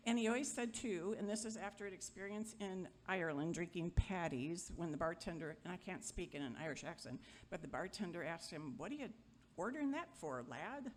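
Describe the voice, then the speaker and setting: A middle-aged woman giving an informal memorial eulogy, chatty and wry, joking with the crowd and sometimes halting. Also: fairly low pitch, slight background noise. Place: gathering hall at a memorial.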